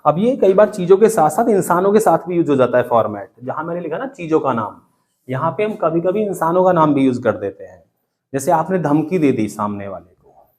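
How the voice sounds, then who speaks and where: In a classroom lecture, a middle-aged man with an Indian accent teaches English. His voice is a little high with a darkish tone, and he is chatty, scolding his students while cracking jokes.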